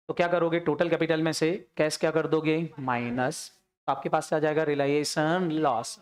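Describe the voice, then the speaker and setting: Hindi-speaking male teacher, quizzing students. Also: high voice. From India. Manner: drills students with quick questions, prompts them to answer aloud. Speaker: accounts teacher. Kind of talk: classroom lecture.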